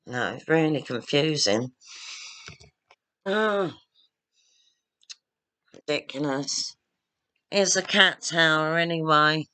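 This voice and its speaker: A woman's voice: deep voice, takes it slowly, long pauses, sharp tone, clean tone. A woman chatting to her viewers at home, rambling and self-deprecating as she moves around the room with her phone camera. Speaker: vlogger. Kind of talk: casual chat to camera. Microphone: phone or laptop camera, not a proper webcam.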